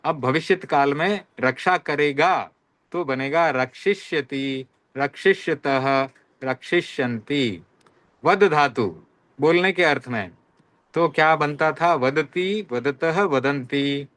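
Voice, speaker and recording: A man's voice: a little high, a bit bright, dry recording. Man reciting Sanskrit verb drills. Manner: recites verb forms slowly and repetitively, checks in often. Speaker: Sanskrit teacher. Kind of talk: online class lesson.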